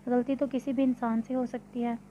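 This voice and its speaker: A stern, exasperated middle-aged mother, as a woman narrator puts her on, reproachful and lecturing in a storybook reading. The voice is mellow and fairly even. A slightly dull recording, with a faint hum behind it. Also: a little high, normal speed, lightly acted. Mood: reasoning.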